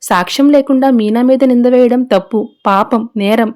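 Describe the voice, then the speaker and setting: A woman reading as a sharp-tongued young woman. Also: on the high side, normal speed, natural voice. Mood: angry. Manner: angry, retorting.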